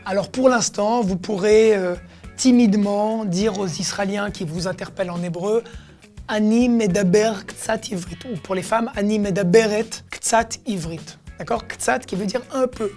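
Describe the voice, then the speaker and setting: A woman's voice: mid-range voice, moderate pace, loud music behind the voice. A woman teaching everyday expressions in a casual lesson, explaining each word and acting out how it is said. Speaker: Hebrew teacher.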